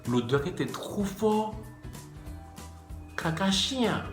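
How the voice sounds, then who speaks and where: A man's voice: high voice, lively intonation, drawn-out words. Slangy man telling a storytime. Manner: slangy, addresses viewers directly. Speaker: YouTuber. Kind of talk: casual storytime. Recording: echoey room with faint music.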